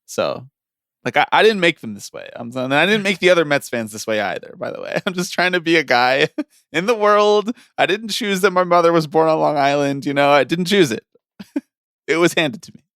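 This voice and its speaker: A man's voice: a little high, expressive, brisk, fairly bright tone, clean tone, dry recording, clean studio sound. A man co-hosting a podcast in casual chat, joking, laughing often and trailing off mid-sentence. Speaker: podcast co-host.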